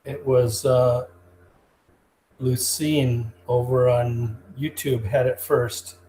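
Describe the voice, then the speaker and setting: A man's voice: medium pitch, steady tone, takes it slowly, warm tone. A joking, easygoing man co-hosting a live stream from his desk, his voice sounding tinny and metallic, as if inside a tin can. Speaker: co-host, trivia presenter. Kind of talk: casual live-stream chat. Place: at his desk, away from the host. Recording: echoey tin-can remote audio, faint hiss.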